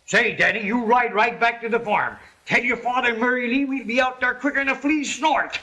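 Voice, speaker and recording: An actor playing a feisty, boastful old Western sidekick with a rural American drawl and a blustering, folksy manner. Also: male voice, extremely high pitch, brisk, pushed and bright. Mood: urgent, excitable. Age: older. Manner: blustering, folksy, prone to sputtering exaggeration. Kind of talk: old Western film acting. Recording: noisy old film soundtrack.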